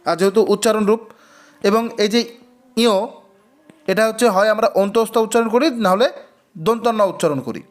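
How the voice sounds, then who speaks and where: A man's voice: sits high, normal speed, long pauses. A man teaching an exam-prep quiz lesson, reading each question twice before giving and explaining the answer. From West Bengal.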